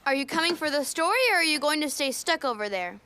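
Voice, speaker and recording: A woman telling a children's story in a simple, animated, expressive way, as if reading to a toddler. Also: high voice, fast, noisy background. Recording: music playing behind the voice. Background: music.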